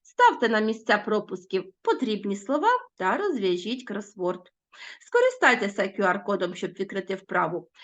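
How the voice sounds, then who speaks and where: A woman teacher giving a recorded lesson to children, reading proverbs aloud with expressive, lilting emphasis. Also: mid-range voice, dull audio.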